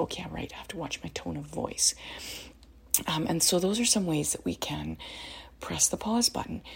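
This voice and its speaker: A middle-aged woman talks through parenting advice in a deep, very breathy voice with a gravelly edge. She sounds earnest and encouraging, and often checks in with "you know" and "right?". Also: darkish tone. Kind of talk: casual spoken advice talk.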